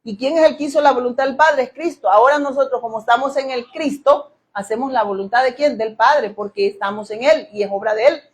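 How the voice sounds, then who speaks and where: A woman's voice: a little high, husky. A woman preaching a sermon, emphatic, asking the congregation questions and acting out quoted voices.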